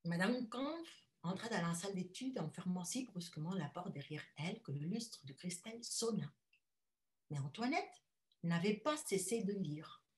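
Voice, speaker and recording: An actress giving a measured, expressive dramatized reading of a novel over a video call. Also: female voice, mid-range voice. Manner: slow, measured, expressive narration.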